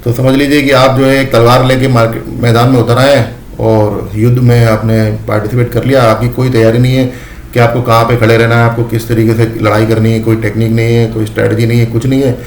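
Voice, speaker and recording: A man's voice: mid-range voice, little pitch movement, quick pace, a little hiss or hum. Echoey Hindi trading teacher, man. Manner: repetitive, addresses listeners as friends. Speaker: trading educator. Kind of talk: explanatory lesson.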